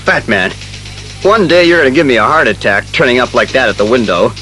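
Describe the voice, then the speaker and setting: A gruff but good-humoured police commissioner in an audio drama. His voice is medium in pitch, forceful and varied, with faint music behind it. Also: animated, fairly quick. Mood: wry, amused.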